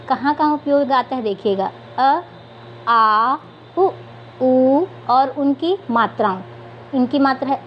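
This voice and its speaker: A woman with a high voice teaches young children to read, putting a question to them and then answering it herself. She draws words out slowly when she reads them aloud. The recording sounds dull and lo-fi, with a faint hiss behind her. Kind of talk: Hindi reading lesson for young children.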